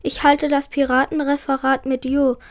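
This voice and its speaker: A reader voicing an emotional, upset schoolgirl from a children's book, loud and shrill. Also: level tone, normal speed. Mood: pleading.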